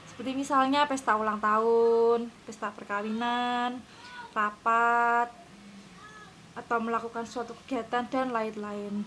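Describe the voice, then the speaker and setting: A woman teacher with a fairly high voice leads her class through the lesson in a patient way, stopping often to check that everyone can follow. Faint noise sits under her voice. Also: steady tone, a little slow, a bit bright, rough recording.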